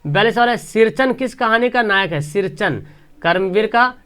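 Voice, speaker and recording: A man's voice: animated, moderate pace, fairly bright tone. A man, teaching by reading out exam questions and options, repeating each point and dropping his voice on the answer. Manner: reads options then explains, repetitive, drops pitch on answers.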